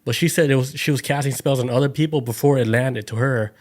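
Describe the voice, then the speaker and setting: A man's voice: medium pitch, fast. A man co-hosting a podcast, telling a story in casual chat, full of "like" and acted-out voices. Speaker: podcast co-host.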